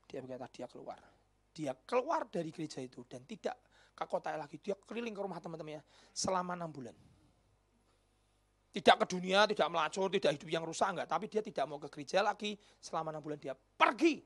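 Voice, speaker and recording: A man, a pastor preaching a sermon and telling a story. He drops to a whisper when quoting people and rises to loud exclamations. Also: on the high side, lively intonation, quick pace. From Indonesia. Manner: mixes in Javanese words. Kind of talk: sermon with acted-out dialogue.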